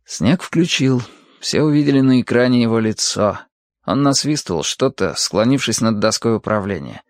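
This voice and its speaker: A man narrating a science-fiction story in a measured, even storytelling manner. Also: medium pitch, no echo, clean studio sound. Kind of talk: audiobook reading of science fiction.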